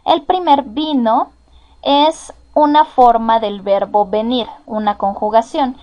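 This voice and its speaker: A woman with a Mexican accent teaching at a deliberately slow pace, her voice sitting a little high. She explains patiently and repeats each example so it sinks in. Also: warm tone, dull audio. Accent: Mexican Spanish. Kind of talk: slow, careful classroom explanation.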